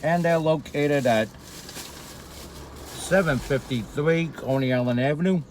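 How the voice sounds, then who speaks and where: A man's voice: fairly high pitch, takes it slowly, darkish tone, slight background noise, rough recording. A man rambling casually and profanely to camera while eating, with lots of hesitant fillers. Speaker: vlogger. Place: street near a Brooklyn diner.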